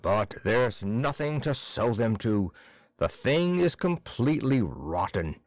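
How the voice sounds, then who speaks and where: Man playing a stubborn old tailor, curt and decisive, slightly low, dry close sound. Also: sing-song, slow, no room sound. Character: blunt one-eyed male tailor, stubborn.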